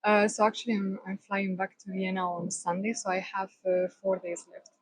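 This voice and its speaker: A woman from northern Spain, giving thoughtful, measured answers as a tourist in a street interview. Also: medium pitch, level tone, breathy edge, dry recording, low-quality recording.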